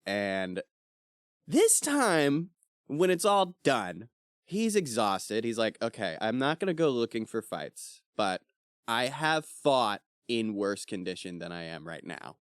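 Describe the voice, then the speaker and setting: A man's voice: fairly low pitch, slow, clear, resonant tone, no echo, clean studio sound. A man co-hosting a casual book club podcast, acting out quotes from the book as he talks. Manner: animated, acts out quotes from the book. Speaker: podcast co-host.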